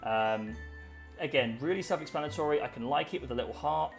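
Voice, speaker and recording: A man's voice: a little high, fairly quick, vocal fry, soft background music. Chatty man walking through an app. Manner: chatty, with frequent "you know" and "okay?". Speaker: online English teacher giving a tutorial. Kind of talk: casual screen-recorded tutorial.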